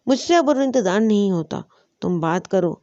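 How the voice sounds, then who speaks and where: A woman's voice: medium pitch, lively intonation, dark tone, lightly acted. Brief: woman voicing a selfish young man, pushy and coaxing, dull audio. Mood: pressing. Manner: pressing, coaxing.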